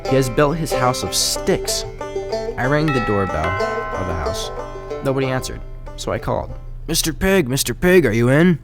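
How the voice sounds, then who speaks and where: A man's voice: medium pitch, expressive, moderate pace, natural voice. A man playing an aggrieved, folksy wolf who narrates his side of a storybook radio play in a conversational, wry, self-justifying way. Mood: calling out. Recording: loud music under the voice. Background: guitar music.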